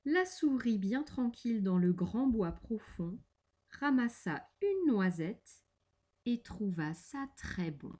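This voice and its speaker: A primary school teacher, a woman, reads a picture book aloud to her young class. Her delivery is slow, clear and expressive, and her voice sits fairly high.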